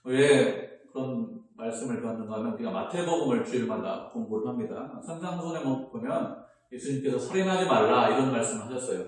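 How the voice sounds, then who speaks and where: A man's voice: medium pitch, a little fast. A middle-aged man preaching a sermon as pastor, asking the congregation questions and answering them himself. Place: church sanctuary. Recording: echoey hall, voice from far off.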